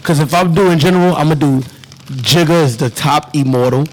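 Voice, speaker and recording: A man's voice: a little high, normal speed. A man from Brooklyn with a New York accent, hosting a loose podcast chat and keeps saying "listen" to hold the floor. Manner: loud, insistent, repeats "listen" to hold the floor. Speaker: podcast host. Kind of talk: casual bar-table chat. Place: rented event space, indoors.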